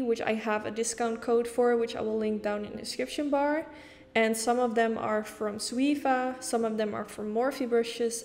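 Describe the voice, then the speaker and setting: A Dutch beauty YouTuber from the Netherlands walks through a makeup tutorial step by step, chatty and casual with plenty of fillers, in her Dutch accent. Her voice is a little high with a darkish tone, and it sounds like she's in a large hall.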